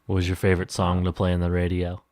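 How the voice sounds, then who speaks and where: A man's voice: low voice, monotone, fast, darkish tone. A young man in his twenties co-hosting a casual podcast, asking questions and teasing his friend with jokes. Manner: joking, teasing interviewer. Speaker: podcast co-host. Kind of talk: casual chat.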